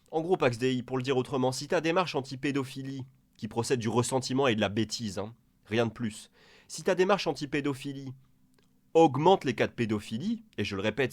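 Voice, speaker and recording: A man's voice: mid-range voice, no echo. A man giving sarcastic reaction commentary, mocking and crude, talking straight to the person in the clip he is answering. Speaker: video commentator.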